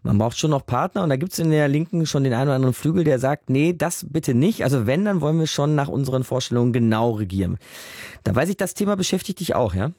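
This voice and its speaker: A man hosting a live radio show, interviewing a guest in a brisk, conversational way with probing follow-up questions. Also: mid-range voice, lively intonation, a little mellow, dry recording, studio quality. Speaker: radio host. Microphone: studio microphone.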